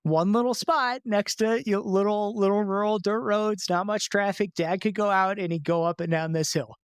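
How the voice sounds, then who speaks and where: A man's voice: high-pitched, fairly even intonation, moderate pace, clean tone, no room sound, studio quality. A man guest in a casual podcast interview, talking loosely with lots of filler words and easy laughs.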